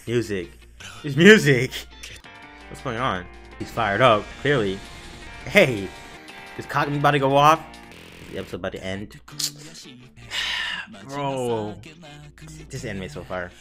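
A man reacting to an anime episode in casual slangy commentary, swinging from low mutters to shouts of disbelief. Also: slow pace, long pauses, soft background music. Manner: excitable, bursts into shouts of disbelief; slangy, says "bro" constantly.

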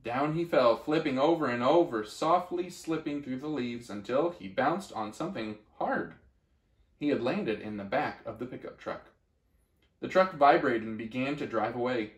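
A man reading a children's storybook aloud in a gentle, expressive way. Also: medium pitch, normal speed, reverberant. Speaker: story reader.

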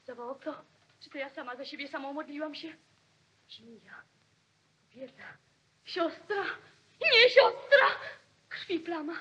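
A woman's voice: high-pitched, moderate pace, pauses often, a bit bright. A ruthless young woman in verse. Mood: frantic. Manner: declamatory, shifting from brooding to frantic. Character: ruthless ambitious young woman who kills her sister. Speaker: puppet theatre actress. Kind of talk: stage verse acting. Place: behind a puppet theatre screen.

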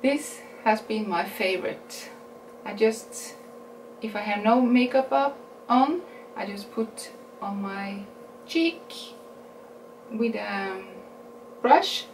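Here a beauty vlogger from Norway, in her forties, goes through a makeup haul in English with a Norwegian accent, chatty and unhurried, self-correcting and laughing about her English. Her medium-pitched voice is recorded by a distant camera mic in a small room, sounding roomy with a persistent hiss.

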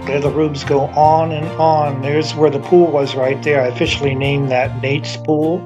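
Here the same kind of casual walking narration comes from a middle-aged man with a fairly high voice that barely moves in pitch, talking at a normal speed. He's an urban explorer vlogger touring an abandoned motel in the snow, chatty and enthusiastic with wandering asides, speaking to a handheld camera at arm's length. The recording is muffled, with music underneath.

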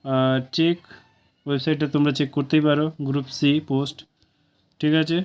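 A man's voice: on the high side, level tone, normal speed, darkish tone, smooth. Casual Bengali man explaining job notices. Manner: casual, keeps asking "okay?" to viewers. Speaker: job news presenter. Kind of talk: informal job-vacancy explainer. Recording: dull lo-fi recording.

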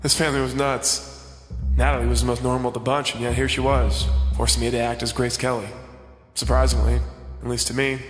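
A man playing a private investigator, narrating in a hard-boiled comic style and reacting with deadpan exasperation. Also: medium pitch, lightly acted.

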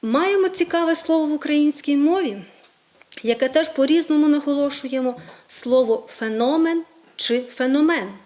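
A woman presenting a scripted language lesson on a regional TV program, clearly setting out example words one by one. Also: high-pitched, moderate pace, a little mellow. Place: studio.

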